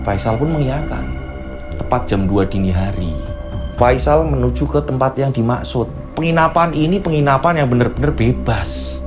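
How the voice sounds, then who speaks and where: A man's voice: medium pitch, moderate pace. A man telling a dramatized true story as host, acting out the scenes. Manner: lively, acts out scenes. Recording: narration over background music.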